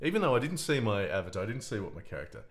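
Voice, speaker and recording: A man with a deep, low voice telling a story in relaxed conversation. He rambles and stops to restart his sentences, speaking as a game design researcher. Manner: halting, rambling, with many restarts.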